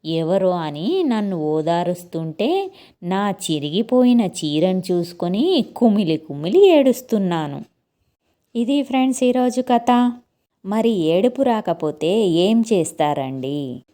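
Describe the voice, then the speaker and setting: Slow, mellow-voiced woman storyteller. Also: mid-range voice, very animated. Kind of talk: first-person story narration.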